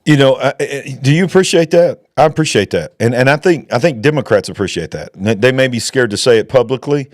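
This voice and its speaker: A man's voice: mid-range voice, lively intonation, brisk, hardly any pauses, no echo, clean studio sound. A man, a pastor and show host giving emphatic, preacher-like commentary. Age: 50s. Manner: emphatic, preacher-like, rising to exclaim. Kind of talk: opinionated commentary.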